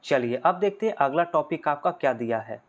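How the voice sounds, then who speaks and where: A man's voice: on the high side, animated, brisk. A male teacher giving an exam-prep grammar lesson. He explains step by step, asks and answers his own questions and calls his viewers friends.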